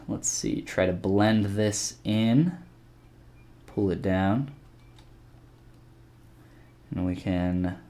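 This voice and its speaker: A man giving a casual live-stream tutorial while he sculpts, relaxed and rambling as he thinks aloud and answers chat. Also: sits low.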